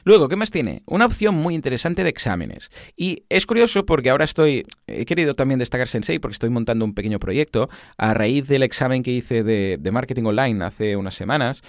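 A man in his thirties, explaining software in a casual, animated way full of tag questions and examples. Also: mid-range voice, a little fast, hardly any pauses, dry recording, studio quality. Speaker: podcast host explaining software.

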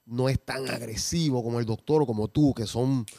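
A man, a comedian talking casually and reflectively with frequent pauses. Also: medium pitch, creaky, dark tone, no room sound. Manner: measured, pauses often, reflective. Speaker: comedian and character performer. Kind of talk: casual conversation.

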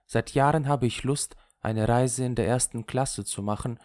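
A male reader voicing a restless, tearful young woman in an audiobook, raising his voice and pitch for her. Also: moderate pace, darkish tone, dry recording, natural voice. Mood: weary. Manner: raised, emotional voice for a female character. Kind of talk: audiobook character voice.

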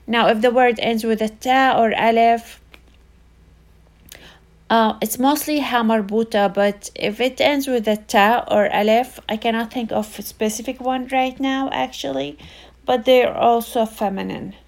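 Slow, patient woman teaching a language. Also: fairly high pitch, steady tone. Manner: slow, repetitive teaching with many fillers. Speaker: Arabic tutor. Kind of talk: casual online language lesson.

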